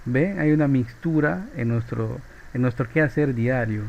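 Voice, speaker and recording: A man's voice: mid-range voice, moderate pace, gravelly, dull audio, slight background noise. A man with a Peruvian accent teaching a physics class in a loose, chatty way, often ending phrases with a questioning tag. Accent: Peruvian Spanish. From Peru. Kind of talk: informal classroom lecture.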